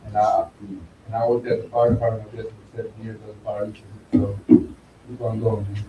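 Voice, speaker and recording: A man's voice: on the low side, little pitch movement, fairly quick, dark tone, reverberant, recorded from a distance, a little hiss or hum, rough recording. A man giving an earnest testimony to a recovery group, filling his talk with "man" and "bro". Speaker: recovery house resident.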